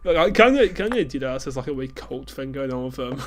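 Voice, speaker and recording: Man, podcast co-host, casual chat, blunt, profane, mid pitch, noisy clicky recording. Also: lively intonation, fairly quick.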